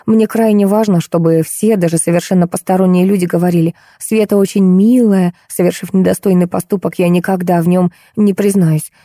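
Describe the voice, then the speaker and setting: A woman's voice: lowish voice, steady tone, brisk, hardly any pauses, warm tone, dry recording, clean studio sound, close to an everyday voice. A woman reading the part of a timid, anxious young woman who pleads and frets, in an audiobook. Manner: fretful, pleading. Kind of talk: audiobook character voice.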